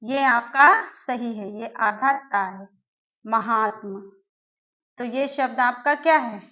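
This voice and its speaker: A woman teaching an exam-prep spelling lesson, who asks her class questions and then answers them herself, repeating each word slowly. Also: on the high side, muffled recording. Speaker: Hindi teacher.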